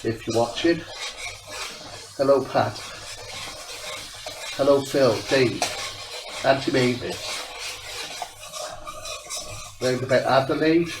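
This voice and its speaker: Slow and pausing often, a South Wales man with a Welsh accent speaks in a mid-range voice, chatting casually as he cooks in his home kitchen for his cooking channel. A cold leaves him stuffy and blocked-nosed, his sentences rise at the ends, and the sound is roomy with background noise.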